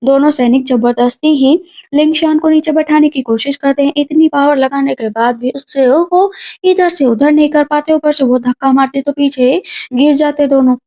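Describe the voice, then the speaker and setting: A woman narrating a drama recap in a brisk storytelling way, reading the characters' lines plainly. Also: high voice, fairly even intonation, warm tone. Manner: brisk storytelling, plainly reads quoted dialogue.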